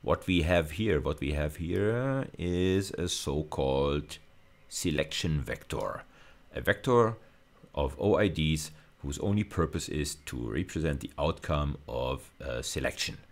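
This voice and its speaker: A university lecturer with an extremely low-pitched, expressive voice covers technical material step by step. He pauses often and restates phrases as he goes.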